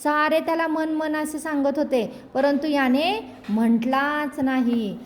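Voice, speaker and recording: A woman narrating a storybook in a measured, expressive reading. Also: high voice.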